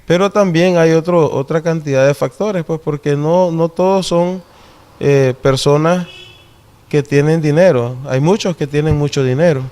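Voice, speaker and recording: This interviewee's voice is fairly high yet dark, recorded cleanly. He speaks with a Nicaraguan Caribbean coast Spanish accent, laying things out deliberately and regularly tacking on short questions to check that the listener agrees.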